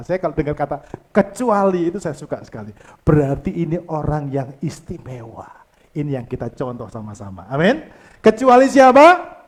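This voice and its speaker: Male pastor, high voice, wildly varied delivery, lively sermon with shouts dropping to soft asides. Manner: calls out to the congregation and leads them in reading aloud; swings from loud exclamations to soft low asides.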